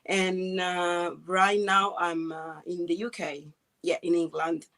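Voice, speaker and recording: A woman in her twenties from Ghana, a guest chatting casually on a video call, relaxed and hesitant, with many fillers and restarts. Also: on the low side, slow. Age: 20s. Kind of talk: casual interview chat.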